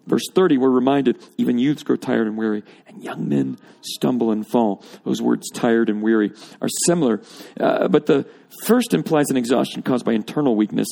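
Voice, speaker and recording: A man delivers an expository sermon in a church, walking his listeners through scripture line by line. His voice has a gravelly edge, and he builds emphasis on repeated phrases before dropping back to a quieter, more reflective tone. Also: mid-range voice, moderate pace. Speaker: pastor. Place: church or auditorium with congregation.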